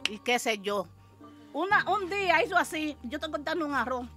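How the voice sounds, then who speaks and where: An older woman, animatedly telling an interviewer her story as a mother and acting out the shouts and quotes in it. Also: high voice, very animated, normal speed, soft background music.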